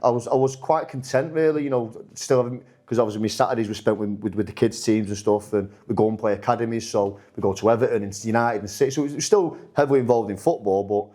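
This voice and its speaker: Football manager guy rambling on a podcast, lots of restarts, mid-pitched voice. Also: quick pace, few pauses. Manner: rambling, many restarts, animated when quoting others. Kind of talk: casual podcast interview.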